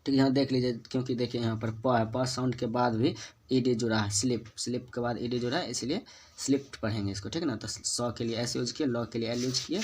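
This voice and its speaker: A man's voice: mid-range voice, slight background noise. A man with a Hindi accent teaching English phonetics, repeating example words and checking in with his students. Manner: repeats each example word and checks in with "ठीक ना". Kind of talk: whiteboard lesson explaining rules.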